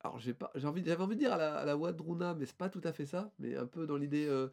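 A man with a slightly higher-than-usual male voice, gravelly yet a little mellow, talks fast on a casual podcast. His intonation is lively as he meanders through presenting a band, stopping, starting over, and filling gaps with "euh."

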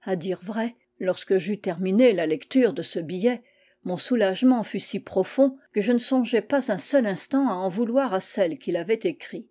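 A woman reads a classic story aloud in a calm, measured narration. Her voice is mellow and warm, and her delivery stays even and unhurried. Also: medium pitch. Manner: measured, even reading of a first-person narrator. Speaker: audiobook reader. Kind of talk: literary audiobook narration.

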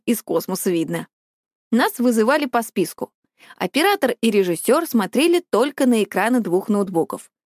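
A woman narrating a first-person story in a wry, expressive way as an audiobook reader. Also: fairly high pitch, no echo, studio quality.

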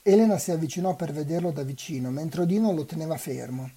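Dark, husky novel reader. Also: medium pitch, quick pace. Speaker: volunteer reader. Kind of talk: reading a novel aloud.

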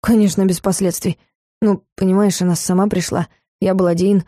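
A woman's voice: medium pitch, flat delivery, a little fast, mellow, no echo, clean studio sound, lightly acted. A woman voicing an embarrassed young adult son who speaks hesitantly and defensively.

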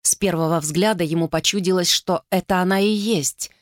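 A woman reading a novel aloud as narrator, in a steady, dramatic way. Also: fairly low pitch, normal speed, no room sound, studio quality. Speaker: audiobook narrator. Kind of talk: scripted narration.

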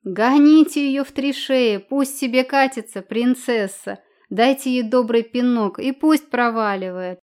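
A woman doing a shrill jealous townswoman. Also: steady tone, normal speed, a little mellow, close to an everyday voice. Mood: jeering. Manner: screeching, abusive.

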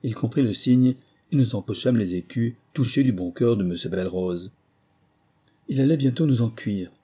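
A man narrating memoirs as an audiobook, in a measured storytelling manner. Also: medium pitch, animated, dark tone, slightly rough.

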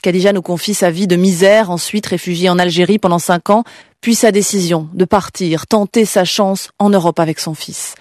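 A woman radio reporter narrating a scripted news story in a measured, narrative way. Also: lowish voice, steady tone, darkish tone, no echo, studio quality.

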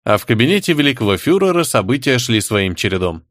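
A man reads a fantasy audiobook aloud in a lively voice that swings widely in pitch. He voices the female figures higher than his own voice. The sound is dry and close, with no room echo. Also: fast. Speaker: audiobook narrator. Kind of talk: scripted narration.

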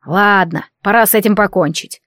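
A woman's voice: medium pitch, moderate pace, a bit bright, no room sound, studio quality, close to an everyday voice. A woman voicing a vain, middle-aged male warlock who grumbles and speaks with wounded pride. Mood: grumbling. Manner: grumbling and proud.

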